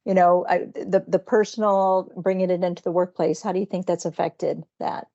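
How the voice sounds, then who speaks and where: A woman's voice: fairly low pitch, flat delivery, normal speed, warm tone. Upbeat woman interviewer, dull audio. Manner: upbeat, encouraging, hesitant fillers. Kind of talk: casual interview conversation.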